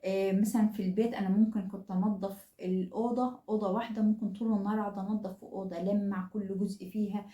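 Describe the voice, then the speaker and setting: Fast-talking Egyptian woman, mellow voice. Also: medium pitch, steady tone, roomy sound. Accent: Egyptian Arabic. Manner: chatty, acts out quoted lines of parents and children. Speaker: parenting advice host. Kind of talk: casual advice talk.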